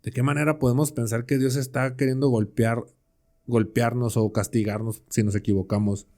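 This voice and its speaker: A man's voice: medium pitch, flat delivery, moderate pace, mellow. A man co-hosting a podcast, chatting through a Bible passage with slangy everyday examples and rhetorical questions. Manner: slangy, conversational. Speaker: podcast co-host. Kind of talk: casual Bible study chat.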